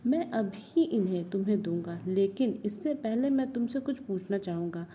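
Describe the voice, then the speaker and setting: A woman's voice: medium pitch, expressive, warm tone, a little hiss or hum, close to an everyday voice. A woman reading aloud the part of a stern, hot-tempered male employer, raising her voice in anger. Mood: lecturing. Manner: angry, raised voice, slow deliberate reading.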